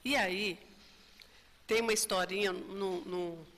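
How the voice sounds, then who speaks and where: A woman's voice: mid-range voice, fairly even intonation, slow pace, fairly bright tone. Woman lecturing in a reverberant hall. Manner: storytelling, frequent tag questions. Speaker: spiritist lecturer. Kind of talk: religious lecture.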